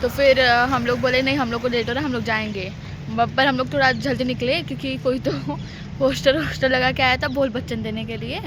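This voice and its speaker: A young woman with a high, light voice chats into her phone in a casual vlog. She tells stories with plenty of giggles. Loud traffic and street noise sit under her voice. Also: steady tone, a little fast. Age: young adult. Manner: chatty, giggly storytelling. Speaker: vlogger. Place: outdoors on city streets and in an office.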